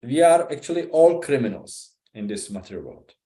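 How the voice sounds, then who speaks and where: A man from the Republic, giving an informal scripture talk in a halting, conversational way, often checking in with "right?". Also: medium pitch, very animated, dark tone. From Czech Republic. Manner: conversational, halting, with frequent 'right?' and 'you know?'. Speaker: visiting speaker giving a scripture class. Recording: roomy echo.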